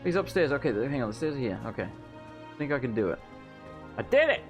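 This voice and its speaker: A man's voice: medium pitch, big pitch swings, fast talker, soft background music. A man doing casual let's play commentary in a joking, irreverent way, with muttered asides.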